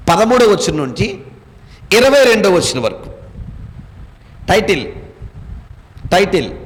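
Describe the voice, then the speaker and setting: A man, a pastor, teaching a Bible-study sermon to a congregation and quizzing them with call-and-response questions. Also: high-pitched. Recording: long hall reverb.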